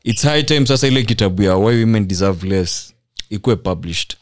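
Young man, Kenyan accent, fairly low pitch, casual slangy debate, provocative, insistent repetition, code-switching. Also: animated, a little fast, no room sound, studio quality. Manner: provocative, repeats himself insistently.

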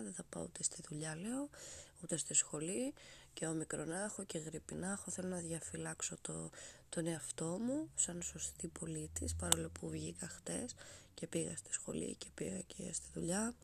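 A woman's voice: lowish voice, vocal fry, a little mellow, breathy edge. A young woman hosting a podcast in a casual, rambling, sarcastic monologue that often drops to a whisper, her voice congested after a cold. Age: young adult. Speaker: podcast host.

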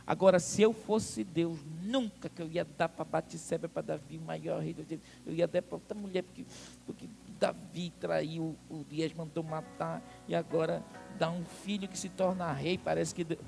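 Fervent pastor with a gravelly voice. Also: male voice, on the high side, steady tone, moderate pace, darkish tone, soft background music. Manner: fervent, dramatic storytelling, calls out to the congregation. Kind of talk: sermon.

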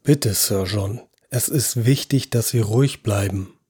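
A man voicing a calm, patient male neurosurgeon who speaks in a soft-spoken, reassuring way. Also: fairly low pitch, measured pace, husky, dry recording, clean studio sound. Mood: soothing. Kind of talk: audio drama acting.

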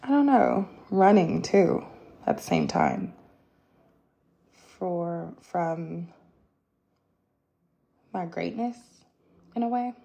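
A woman hosting her own podcast, talking casually and reflectively with many fillers and pauses, candid and personal. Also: fairly low pitch, big pitch swings, creaky, dark tone. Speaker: podcast host. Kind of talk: casual solo podcast talk.

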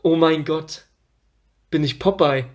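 A young man playing a guessing game, excitable and slangy, exclaiming a lot. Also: fairly high pitch, takes it slowly. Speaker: guessing player. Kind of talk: casual chat.

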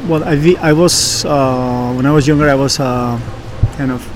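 A man with a Basque accent answering interview questions conversationally, with halting, searching phrasing. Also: mid-range voice, steady tone, background noise. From Basque Country, Spain. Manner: hesitant, halting phrasing with frequent searching pauses. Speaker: professional surfer and engineer, interview guest.

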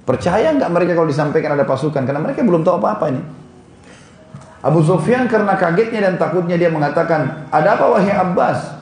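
A man's voice: fairly high pitch, expressive, fast talker, a little mellow, roomy sound. A man preaching in a casual storytelling way, pointing out places on a drawing and correcting himself as he goes. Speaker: Islamic preacher. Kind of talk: storytelling religious lecture.

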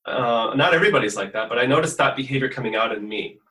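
A man's voice: mid-range voice, quick pace, sharp tone, far from the mic. A man born in the US and raised in Portugal, a musician answering interview questions earnestly and thinking aloud as he goes. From born in the US, raised in Portugal from fifteen. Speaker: musician guest. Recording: roomy echo.

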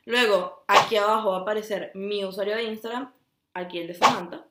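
A woman's voice: medium pitch, a little fast, echoey room, very noisy. A young woman with a Venezuelan accent co-hosting a casual podcast, telling stories with lots of laughter. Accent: Venezuelan Spanish. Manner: animated storyteller, laughs often. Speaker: podcast co-host. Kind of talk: casual chat. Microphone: mic with garlands.

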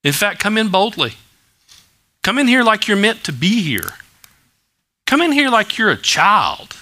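A man voicing Jesus as a gentle, reassuring figure who speaks softly and calmly to a frightened believer. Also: sits high, a little slow, voice pushed up, full character voice. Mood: calm reassurance.

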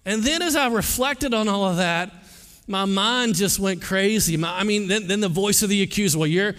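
A man's voice: sits high, normal speed, fairly bright tone. A male pastor preaching a sermon in an earnest, conversational way, often stumbling and restarting his words. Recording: long hall reverb.

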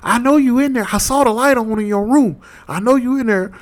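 Man putting on a shrill furious young woman. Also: fairly quick. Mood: accusing. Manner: shrill, accusing. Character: furious young woman banging on a door, threatening.

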